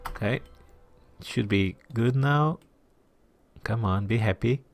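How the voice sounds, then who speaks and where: A gaming channel host takes his time with let's-play commentary on a city-building game, speaking in a mid-range voice. The recording is dry, with faint music behind. He thinks aloud, murmurs asides, occasionally whispers, and chats with viewers in a self-deprecating way.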